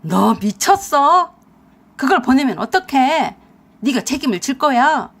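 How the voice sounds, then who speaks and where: A woman voicing a young husband who blusters and defends himself loudly in a radio drama. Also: high-pitched, very animated, unhurried, full character voice. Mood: loud, alarmed. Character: angry young husband caught out, blustering man.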